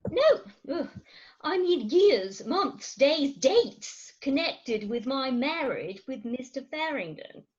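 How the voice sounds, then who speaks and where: A woman acts a proud, imperious Victorian English wife of thirty-six in a comic farce, coaxing and earnest, with a high voice, big pitch swings and slow, heavily acted delivery. Her manner is theatrical, emphatic and grandly articulate, recorded remotely from home over a video call with slightly dull audio.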